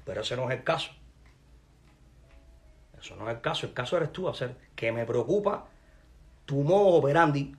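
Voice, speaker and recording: A man's voice: medium pitch, expressive, normal speed, long pauses, a little mellow. A man from Cuba with a Cuban accent, a musician ranting angrily at someone, repeating himself and cursing. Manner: repetitive, heated, cursing, ranting. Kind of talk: angry rant to camera.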